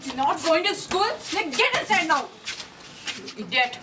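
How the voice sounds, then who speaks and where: An actress playing a stern but loving mother of a young boy, scolding sharply and soothing gently. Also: extremely high pitch, very animated, a little slow, noisy background, heavily acted. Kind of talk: low-budget short film acting.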